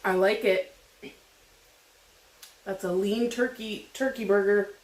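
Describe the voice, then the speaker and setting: A woman's voice: mid-range voice, steady tone, slow pace. A woman chatting casually to camera as a mukbang host, chewing while talking between bites of her meal. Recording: echoey room.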